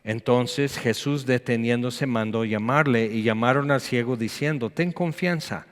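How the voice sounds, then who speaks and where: A man's voice: medium pitch, fairly even intonation, a little slow, clear, resonant tone. A man, preaching a sermon in a chatty style, reading scripture and breaking into acted quotes. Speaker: pastor. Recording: long hall reverb.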